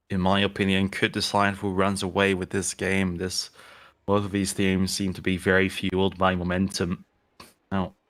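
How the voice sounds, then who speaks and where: A man's voice: low-pitched, fairly bright tone. A man with a Belgian accent giving live play-by-play esports commentary.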